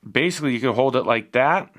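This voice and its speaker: A man's voice: mid-range voice, animated, fast talker, fairly bright tone. A man giving a casual, chatty product review as he unboxes and shows a device, swearing now and then.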